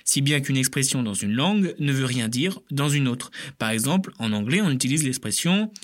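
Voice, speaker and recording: A man narrating in a scripted comic voice at a middle pitch, and his voice swings widely up and down. He sounds mock-serious and playful, with sly asides where he pokes fun at himself. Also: lively intonation, moderate pace.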